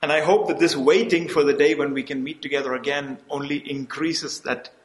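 A man who grew up in the Middle East, preaching a sermon in a measured style and pausing for an interpreter. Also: fairly high pitch, fairly even intonation, roomy sound. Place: hall without audience.

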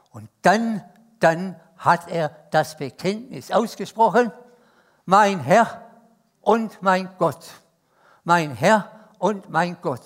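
Swiss man, sermon, swiss german accent, fairly high voice, storytelling, loud emphases then hushed asides. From Switzerland. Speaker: preacher.

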